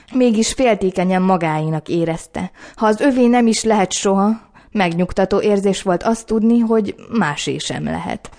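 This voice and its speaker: A woman reading a novel aloud as audiobook narration, with calm, measured storytelling. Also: mid-range voice. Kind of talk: scripted narration.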